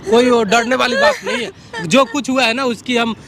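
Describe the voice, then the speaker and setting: A man playing a young man who soothes a crying woman, coaxing her over and over to calm down and speak. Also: very high-pitched, normal speed, gravelly, over a noisy crowd, exaggerated voice. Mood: soothing. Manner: soothing, coaxing, repeats himself. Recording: traffic noise outdoors.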